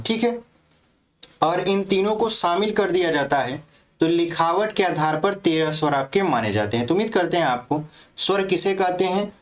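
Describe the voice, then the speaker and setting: ऊँची आवाज़ वाले पुरुष शिक्षक. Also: male voice, a little high. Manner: explains step by step, often checks "ठीक है?". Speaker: teacher. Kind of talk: exam-prep grammar lesson.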